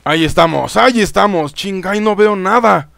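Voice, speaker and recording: Chatty Mexican gamer, slightly high voice. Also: male voice, normal speed, creaky, a bit bright, no echo. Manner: chatty, swears freely, talks straight to viewers. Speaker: gaming YouTuber. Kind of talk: casual let's-play commentary.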